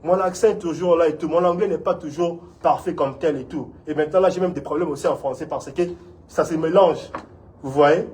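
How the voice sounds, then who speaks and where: This man from Congo talks fairly quickly in a slightly high, darkish voice. He's an instructor giving an interview, offering an earnest, encouraging community talk and frequently asking "vous voyez?".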